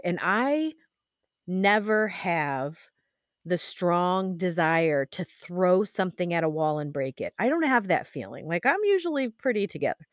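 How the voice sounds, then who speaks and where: A woman hosts her podcast in a personal monologue, grieving and candid. She speaks low, halting often with pauses and fillers. The sound is close and dry, with no room around her. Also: dry recording. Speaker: podcast host.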